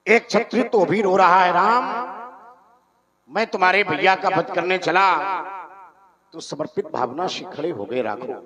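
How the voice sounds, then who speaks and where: A man's voice: high voice, unhurried, pauses often, a crowd in the background. A man acting a stern, wise sage on a folk stage. He consoles a weeping prince in impassioned, sermon-like speech that turns into song. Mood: consoling. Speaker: stage actor. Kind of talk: live folk stage drama, spoken and sung. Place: live open stage show.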